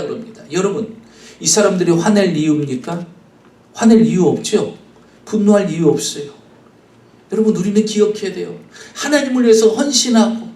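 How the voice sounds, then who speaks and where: Pastor, male, high-pitched, preaching from a distance in a reverberant sanctuary. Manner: emphatic preaching, rising to loud rhetorical questions. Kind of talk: sermon. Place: church sanctuary. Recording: roomy church sound, mic at a distance.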